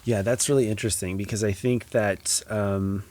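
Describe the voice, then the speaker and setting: A man hosting a podcast, talking in a reflective, soft-spoken way with many casual fillers. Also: on the low side, steady tone, moderate pace. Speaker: podcast host.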